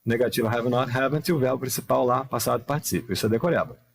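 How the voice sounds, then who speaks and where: A man teaching English grammar in a live online lesson, explaining patiently with many rhetorical questions and reading the English examples slowly and carefully. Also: mid-range voice, creaky.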